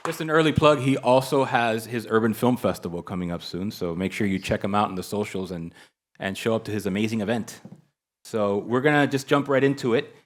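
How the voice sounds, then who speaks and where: A man's voice: lowish voice, brisk. A man moderating a conference panel, introducing the guests in an upbeat, joking way. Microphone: shared handheld mic.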